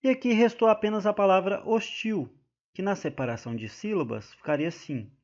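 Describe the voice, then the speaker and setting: A man with a Brazilian accent explaining an exam-prep grammar lesson, slowly and patiently, drawing out the example words. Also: high voice, a little mellow, muffled recording. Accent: Brazilian Portuguese. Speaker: teacher.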